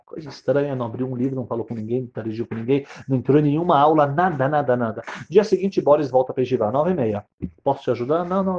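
Fast-talking man telling a story. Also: mid-range voice, darkish tone, slight background noise. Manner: repetitive, rhythmic narration. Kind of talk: spoken storytelling. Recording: dull lo-fi sound.

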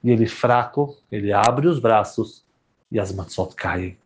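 A man telling a dramatic story as a rabbi, swinging between loud cries and hushed tones. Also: lowish voice, a little slow, breathy edge.

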